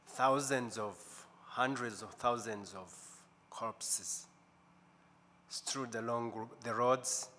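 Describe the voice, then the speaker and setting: A man in his fifties giving a deliberate, slow testimony talk as guest speaker at a church service, pausing often. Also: mid-range voice, bright, forceful tone. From Rwanda. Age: 50s. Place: large church sanctuary. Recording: echoey church hall, faint room noise.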